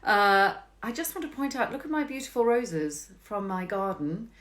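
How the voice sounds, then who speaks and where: A woman's voice: mid-range voice, big pitch swings, normal speed, fairly bright tone. Bubbly South African woman hosting a live chat. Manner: chatty, bubbly, laughs often. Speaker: host. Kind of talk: casual interview chat. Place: home, on a video call. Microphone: video call.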